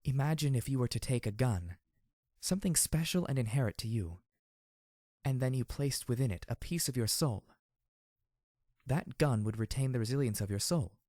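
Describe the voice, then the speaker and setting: A man reading an audiobook, voicing a calm and distant female zebra spirit-medium who speaks in a slow, measured, solemn way. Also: medium pitch, dry recording, clean studio sound, close to an everyday voice.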